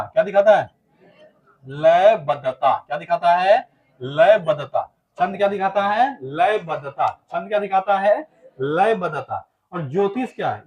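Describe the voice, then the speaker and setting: A man's voice: sits high, muffled recording. A man from Bihar, teaching an exam-prep class and drilling students with repeated questions and answers. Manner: chants answers in a loud, laughing sing-song.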